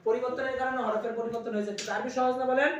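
A high-voiced woman leads a classroom lesson, asking question after question and stretching letter names into a sing-song. Her voice is heard from a distance and rings through a very echoey room. A clear layer of noise sits under the recording. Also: steady tone, racing. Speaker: Quran teacher. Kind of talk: classroom lesson with call and response. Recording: echoey room, from far off, noisy.

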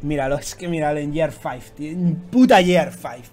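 A man doing excited reaction commentary, swearing constantly and bursting into shouts. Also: on the high side, normal speed. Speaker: YouTube manga reactor.

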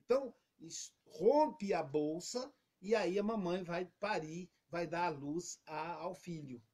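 A man with a high-pitched voice speaks as an interview guest. He explains things in a lively storytelling way and acts out little quotes along the way. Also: slow pace.

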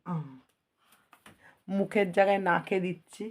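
Hoarse housewife chatting to viewers. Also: female voice, lowish voice, steady tone, a little fast, a little mellow. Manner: chatty, addresses viewers as friends. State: hoarse from a cold. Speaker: vlogger. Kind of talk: casual home vlog chat. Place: home kitchen.

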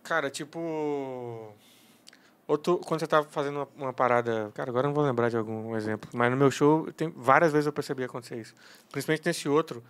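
A male comedian from Brazil chatting on a podcast, telling stories in a relaxed, slangy way. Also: mid-range voice, fast talker, smooth. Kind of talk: casual podcast chat.

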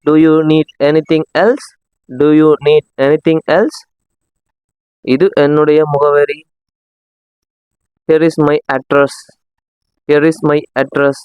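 A man with a Tamil accent teaching simple English sentences, saying each one slowly twice so learners can repeat. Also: medium pitch, clean tone, no room sound. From South India. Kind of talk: slow, deliberate English lesson with repetition. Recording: dull lo-fi sound.

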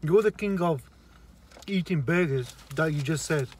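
Young man, talking with his mouth full, blunt slangy chat, fairly high voice. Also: normal speed, a little hiss or hum. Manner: blunt, laid-back slangy talk. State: talking while eating. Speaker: food reviewer. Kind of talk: casual chat.

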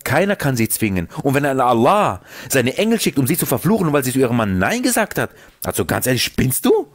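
Guy hosting a live debate stream, fast and heated, voice jumping all over, keeps interrupting. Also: mid-range voice. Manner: animated, confrontational, cuts in often.

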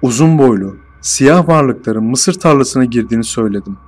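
Man narrating a first-person horror story. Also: medium pitch. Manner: steady, measured storytelling.

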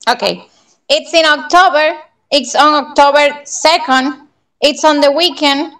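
A woman student on a video call, slowly reading out answers in an English class. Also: high-pitched, a bit bright. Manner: reads answers aloud slowly.

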